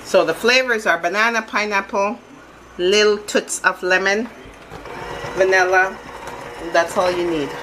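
Filmed from above her kitchen counter, a woman bakes at home and chats her way through each recipe step, often restarting her sentences. Her mid-range voice is unhurried, with frequent pauses. A hand mixer whirs loudly throughout this casual cooking demo.

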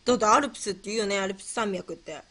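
A woman's voice: medium pitch, rapid-fire, bright, forceful tone. A woman hosting a casual livestream, playfully fumbling through quiz questions and chatting with viewers, musing aloud and repeating herself. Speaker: livestream host.

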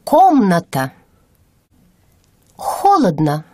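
Woman reading single words, slow and lilting. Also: lowish voice, wildly swooping pitch, darkish tone, no room sound, studio quality. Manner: clear deliberate enunciation of single words. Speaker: native-speaker model reader. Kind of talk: slow careful word-by-word reading.

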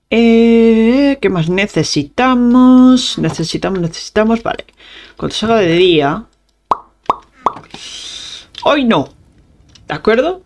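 A young woman hosting a gaming channel, chatting casually to her viewers as she plays and humming little sound effects. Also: lowish voice. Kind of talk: casual gameplay commentary.

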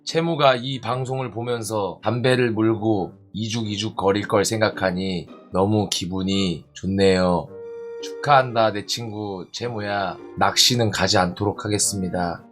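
A man's voice: on the low side, measured pace, soft background music. A man streamer with a Gyeongsang accent, talking in a mock-dramatic, teasing way. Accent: Gyeongsang Korean. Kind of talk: casual stream talk.

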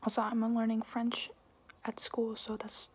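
A young adult woman whispering softly and close up in a hesitant, rambling, casual ASMR question-and-answer style. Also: on the high side, monotone, a little slow, slight background noise. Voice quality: breathy, unvoiced whisper. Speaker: ASMR video creator. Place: small room indoors, at home.

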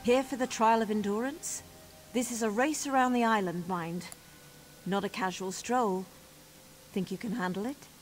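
A woman's voice: medium pitch, moderate pace, faint music behind, natural voice, poor audio. An actress playing a brusque, matter-of-fact female officer who runs a race trial. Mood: brisk.

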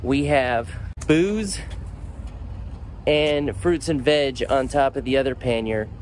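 A man's voice: medium pitch, slow, a little mellow, slight background noise. A man in his forties vlogging outdoors beside his motorcycle, telling the day's story in a wry, matter-of-fact way to a camera held at arm's length. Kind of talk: casual travel vlog. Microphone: phone or action camera at arm's length.

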